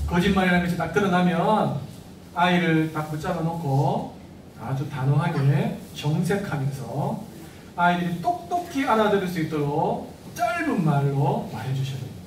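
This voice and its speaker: A high-pitched man preaches to parents, picked up from a distance in an echoey church hall with faint ambience behind. He asks the congregation questions and acts out the voices of parents and children. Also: slight background noise. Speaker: pastor. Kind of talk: sermon to parents.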